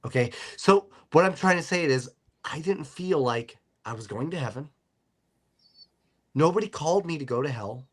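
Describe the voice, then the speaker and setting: A man hosting a podcast, telling his own story in a casual, animated way. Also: on the high side, moderate pace. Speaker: podcast host. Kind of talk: casual chat.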